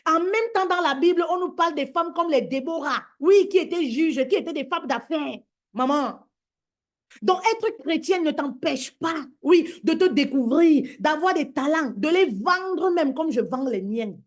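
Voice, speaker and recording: A woman with a high, lively voice and a slightly slow delivery preaches emphatically to women on a social media live. She keeps repeating her points and addresses her listeners as "my queen."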